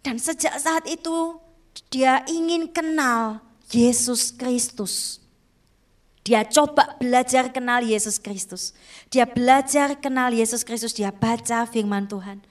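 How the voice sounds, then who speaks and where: A woman preaching a sermon, telling a moving testimony and calling out to her listeners, shifting from loud emphatic lines to soft hushed ones. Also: a little high, slow. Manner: emotional storytelling, repeatedly addressing listeners as "saudaraku".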